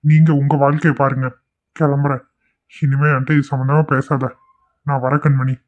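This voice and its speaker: A man's voice: medium pitch, little pitch movement, moderate pace, darkish tone, highs cut off, lightly acted. A man voicing a weary young man in a cartoon, resigned and pleading to be left alone.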